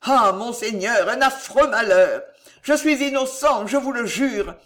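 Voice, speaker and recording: A reader voicing a scheming old male steward who pleads and swears his devotion in a raised, effusive voice, pitched above the reader's own. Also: sing-song, normal speed, a bit bright. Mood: anxious pleading. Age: older.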